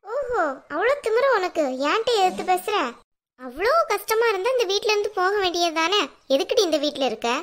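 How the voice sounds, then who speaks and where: A woman voicing a scheming middle-aged mother-in-law in a cartoon, sharp-tongued and prone to dramatic wailing. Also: very high voice, lively intonation, a little fast. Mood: scolding. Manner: scolding, then wailing dramatically. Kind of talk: cartoon dubbing.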